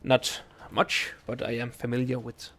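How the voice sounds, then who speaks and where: A young Danish man, not a native speaker, streaming a video game and chatting casually with viewers, with many ums and restarts. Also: mid-range voice. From Denmark. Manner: relaxed, halting, lots of ums and restarts. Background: faint game music.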